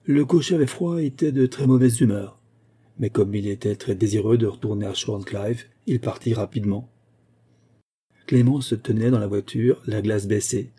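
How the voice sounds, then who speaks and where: A man giving steady, measured scripted narration of a classic novel as an audiobook reader. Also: on the low side, husky.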